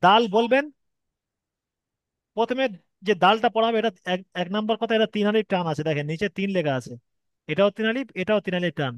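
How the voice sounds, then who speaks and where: There's no room sound as this man, high-pitched and fairly quick with long pauses, teaches Arabic letter reading in an online Quran class. He has a Bengali accent and explains patiently step by step, stretching out sounds as demonstrations.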